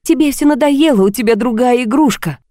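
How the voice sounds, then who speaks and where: Frantic tearful young woman, high and mellow, dry close read, as a woman narrator puts her on. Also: unhurried, dry recording, lightly acted. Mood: hysterical. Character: desperate young woman on the edge of hysteria.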